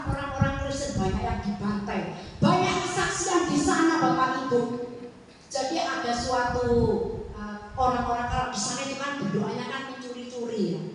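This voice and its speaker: An older woman preaching a sermon with personal testimony at a prayer meeting, often calling to her listeners and swinging between loud and hushed passages. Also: fairly high pitch, a little hiss or hum. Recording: echoey hall from far off.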